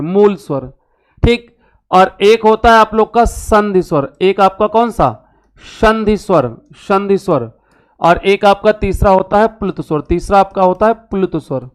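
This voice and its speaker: A man's voice: high-pitched, clean tone. A male Hindi teacher giving an exam-prep class, asking questions and answering them himself and repeating key terms.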